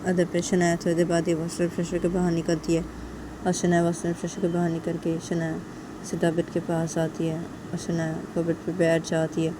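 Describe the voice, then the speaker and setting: A woman's voice: lowish voice, completely flat delivery, brisk, noisy background. A woman narrating a romance story in a plain, repetitive spoken manner.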